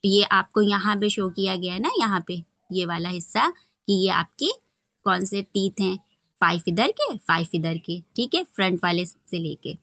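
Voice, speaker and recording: A woman's voice: medium pitch, normal speed, a bit bright, no echo. A woman teaching children Quran pronunciation in an online class, patient and often checking that they understand.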